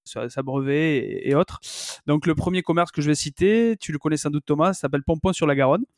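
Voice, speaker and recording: Man with a Bigorre accent, slightly high voice. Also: fairly quick, dry recording, studio quality. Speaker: podcast co-host, columnist. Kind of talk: casual podcast chat.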